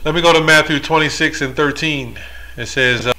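A man's voice: on the high side, a little fast, bright, forceful tone. A man reading Bible verses aloud and explaining them in a monologue, with rhetorical asides. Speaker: religious commentator.

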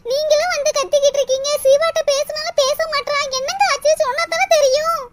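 A woman's voice: steady tone, quick pace. A woman voicing an anxious, doting middle-aged mother in a cartoon, pleading with worried questions, with a southern Tamil accent. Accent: southern Tamil, Tirunelveli. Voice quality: squeaky sped-up high voice. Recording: loud background noise.

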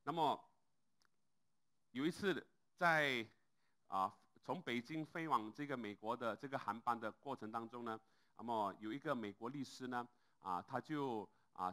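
A male pastor preaching a sermon in an animated way, with many filler sounds and rising exclamations. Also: mid-range voice.

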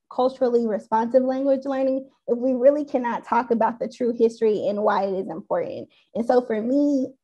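A woman's voice: a little high, mellow. Candid woman on a dull video call. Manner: candid, thoughtful, with "um" and "like". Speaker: panelist. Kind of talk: panel discussion over video call.

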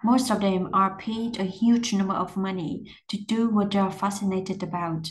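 A woman teaches English pronunciation in a mid-pitched voice. She reads sentences aloud and then breaks words down syllable by syllable, repeating each one slowly and carefully. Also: steady tone, rough recording. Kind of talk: language lesson, reading and breaking down English sentences.

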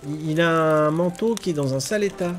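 A gaming streamer chats his way through a casual let's-play, reading game text aloud and swearing lightly now and then. His voice is a little high and fairly quick, and the poor-quality audio carries game music and rain sounds behind him.

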